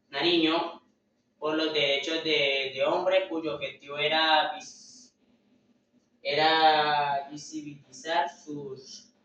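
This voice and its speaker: A young man gives a slow, hesitant class presentation, full of fillers and restarted words. His voice is bright and a little high, and it reaches a distant mic in a very echoey room. The recording is dull and lo-fi. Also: a little hiss or hum. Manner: hesitant, filler-heavy, self-correcting. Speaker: student presenter.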